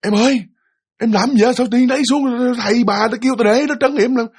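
An alarmed husband, acted by a storytelling man, cries out in a raised, urgent voice. The tone jumps up high and slightly husky. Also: fast, heavily acted. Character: alarmed husband crying out at his wife at night.

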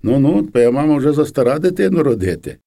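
A man's voice: mid-range voice, very animated, fairly quick, warm tone, voice pushed up. A man voicing a nosy village shopkeeper woman, drowsy and prying, in a storybook reading.

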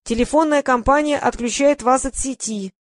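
A woman voicing a fake phone company clerk in an audiobook, with a squeaky, nasal, prim customer-service manner. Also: moderate pace, dry recording, clean studio sound, close to an everyday voice. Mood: gloating. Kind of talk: audiobook character voice.

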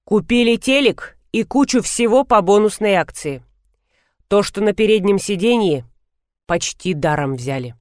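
A woman voicing a sly, bold middle-aged woman who talks briskly and cheekily to get out of trouble, in a storybook reading. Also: medium pitch, animated, no echo, clean studio sound, natural voice. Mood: explaining.

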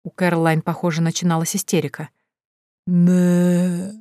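A woman narrating an audiobook chapter in the first person, steady and measured. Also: on the low side, no room sound, clean studio sound.

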